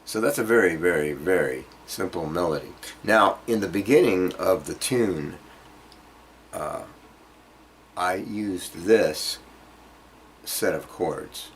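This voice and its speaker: Here a guitar teacher speaks in a low, animated voice, taking his time as he demonstrates and explains each part in a hesitant, casual lesson. Acoustic or jazz guitar plays loudly over the speech, with a slight hiss or hum in the recording.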